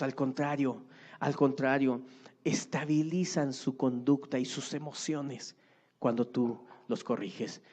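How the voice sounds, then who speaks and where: A man's voice: medium pitch, warm tone. A man preaching a sermon as pastor, emphatic and often checking with the congregation through short tag questions. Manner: emphatic, seeks agreement with repeated tag questions. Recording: muffled lo-fi recording.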